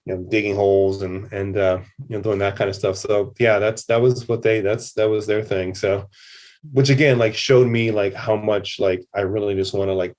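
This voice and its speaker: This middle-aged Hawaiian man produces festivals and is chatting loosely on a podcast, wandering off track and constantly restarting or filling pauses. He talks at a normal speed in a fairly low, steady, slightly mellow voice.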